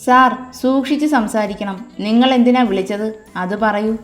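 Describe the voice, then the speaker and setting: A woman's voice: a little high, normal speed, natural voice. A woman voicing a troubled young father who speaks tensely and curtly. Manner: tense, curt. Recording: echoey room with soft music.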